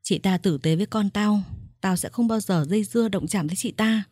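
A woman's voice: mid-range voice, fairly quick, no echo, clean studio sound, close to an everyday voice. A woman voicing a young mother who has been tricked out of her baby, raging and sobbing. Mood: bitter, vengeful. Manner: shouting, sobbing, vengeful. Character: furious young mother, wronged mistress.

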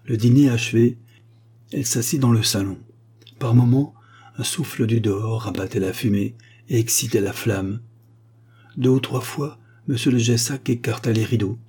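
A man reading a short story aloud in a steady, even storytelling manner. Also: mid-range voice, moderate pace, slightly rough. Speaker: audiobook narrator.

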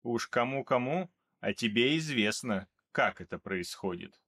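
A man reading an audiobook, voicing a cold, calm male mercenary who speaks in a flat, unhurried way. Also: mid-range voice. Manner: flat, even, unhurried delivery.

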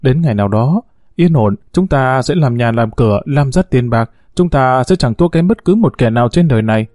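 A man's voice: medium pitch, animated, normal speed, darkish tone, no echo, studio quality, natural voice. A man voicing a timid, lovesick young gang member who pleads hesitantly in a storybook reading. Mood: eager.

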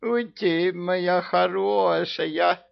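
A man's voice: high voice, steady tone, extremely slow, creaky, lo-fi sound, pitched above the performer's own voice, heavily acted. A man voicing Koschei, a drunken, boastful immortal old villain with a coarse, blustering manner, in an audiobook. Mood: drunken glee.

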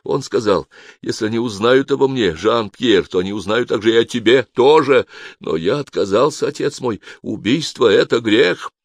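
A man reading an audiobook, voicing a frightened, hoarse jail guard who pleads and nearly cries. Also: mid-range voice, normal speed, no room sound, clean studio sound, pitched above the performer's own voice, lightly acted. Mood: desperate. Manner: panicky, pleading, near tears. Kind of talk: audiobook character voice.

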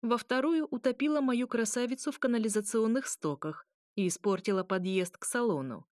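A woman's voice: a little high, a little fast, darkish tone, dry recording, studio quality, pitched above the performer's own voice, natural voice. A woman voicing a smug ancient demon lord. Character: ancient scheming male demon marquis, smug.

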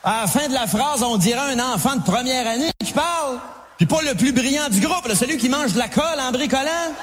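A man with a Québécois French accent performing stand-up, his voice pitched very high and swinging widely as he teases the audience and belts out his punchlines. It was recorded live on stage, with a long hall reverb and a faint murmur of the crowd behind him. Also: lively intonation, fairly quick, a little hiss or hum. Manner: teasing, punchy, shouting punchlines. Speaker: stand-up comedian. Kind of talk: stand-up comedy routine. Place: live comedy gala stage.

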